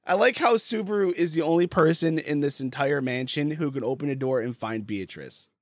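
A man's voice: fairly high pitch, a little fast, no echo, studio quality. A man co-hosting a podcast in casual chat, stammering and apologizing with nervous laughs. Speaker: podcast co-host.

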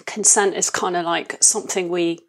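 A woman interviewed as a guest, talking in a reflective, conversational way, thoughtful and hesitant as she pauses to reformulate. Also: fairly low pitch, fairly even intonation.

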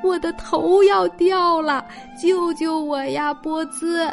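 Woman doing a frightened young calf, high wailing pleas, slow drawn-out words, storybook voice. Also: faint music behind. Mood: pleading. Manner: wailing and pleading. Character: distressed young calf stuck in a fence.

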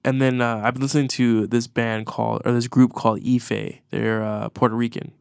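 A man's voice: medium pitch, flat delivery, normal speed, vocal fry, clean tone, no room sound, clean studio sound. A congested man on a podcast, chatting casually and rambling with frequent swearing and restarts. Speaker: podcast co-host. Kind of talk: casual chat about music.

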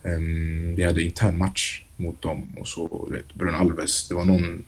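A young man with a deep, husky voice talks loosely in a casual interview, scattering "you know" through his sentences and slipping into street slang. When he retells a scene from training, his voice climbs and he mimics the shouting, then he settles back into a low, unhurried drawl. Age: young adult. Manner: relaxed, animated when retelling, heavy "du vet" fillers and street slang. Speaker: youth football player, guest.

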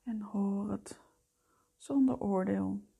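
Very slow, breathy woman guiding meditation. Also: mid-range voice. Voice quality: soft, breathy, often fading into a whisper. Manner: soothing, gentle, unhurried. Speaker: guided meditation leader. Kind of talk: slow guided meditation narration.

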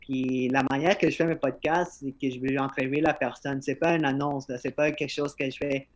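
Talking earnestly in a casual podcast chat, a male host with a non-native-sounding French accent speaks at medium pitch, a little fast, with a steady tone. His articulation is slightly slurred, and he tends to repeat words when starting a thought.

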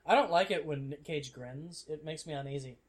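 A man trading quick, sarcastic one-liners in a casual film commentary. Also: on the high side.

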